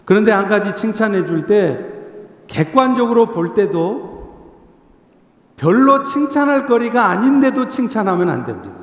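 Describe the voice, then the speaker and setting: A male Korean pastor preaching a sermon earnestly, sometimes acting out a gentle parent's words. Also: high voice, sing-song, normal speed. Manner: earnest, coaxing, acts out gentle parent lines. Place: church sanctuary. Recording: echoey church hall.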